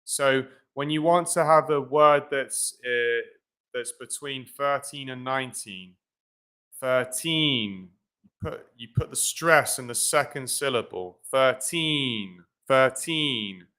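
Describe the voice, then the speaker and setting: A man gives a live English pronunciation lesson, speaking slowly and deliberately. His voice is bright and crisp, with a clean, smooth tone. He keeps checking in with his viewers and calls them "guys". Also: mid-range voice. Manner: informal, repeats "right?" and "guys", many fillers. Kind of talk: live-streamed lesson with screen share.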